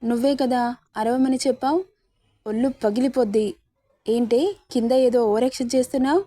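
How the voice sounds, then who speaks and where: A woman's voice: a little high, fairly even intonation, moderate pace, mellow, no room sound, natural voice. A woman voicing a teasing, playful young husband, bossy and mischievous, in a romance story reading.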